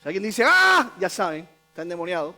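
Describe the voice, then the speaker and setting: Male pastor with a very high voice, emphatic preaching that repeats its points. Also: animated, unhurried, a bit bright. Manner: emphatic, repeating key phrases for stress. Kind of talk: sermon.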